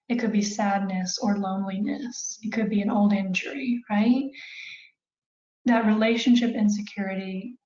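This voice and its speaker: A woman therapist giving a calm, explanatory talk to viewers, often checking in with "right?". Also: medium pitch. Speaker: therapist teaching about couples. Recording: echoey room, dull sound.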